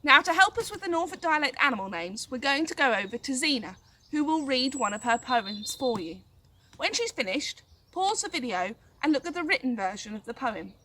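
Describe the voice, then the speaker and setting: A woman's voice: sits high, sing-song, a little fast, pushed and bright, a little hiss or hum. A woman presenting a scripted lesson in an encouraging, instructional way. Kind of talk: scripted educational narration.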